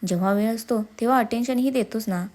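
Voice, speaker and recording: Woman reading as a young husband, stressed, curt and irritable, mellow tone, storybook. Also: a little high, a little fast, natural voice. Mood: irritated. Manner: curt, exasperated, then coaxing.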